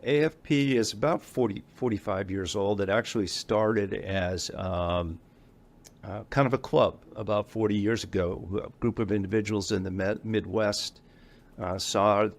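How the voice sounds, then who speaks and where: A man's voice: lowish voice, measured pace. A middle-aged man speaking as an interview guest in a casual, rambling way, often correcting himself and chuckling between points. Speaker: guest, association executive.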